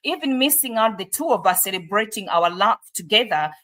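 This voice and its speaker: A woman's voice: mid-range voice, lively intonation, a little fast, a bit bright. A woman from Malawi, a guest on an online show, telling her personal story earnestly with rhetorical questions. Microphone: video call.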